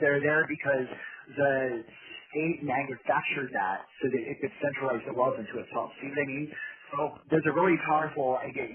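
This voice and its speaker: Over a narrow, tinny conference-call line with chatter in the background, a man of medium pitch gives an informal, rambling presentation. He chairs an advocacy group and keeps checking in with tag questions.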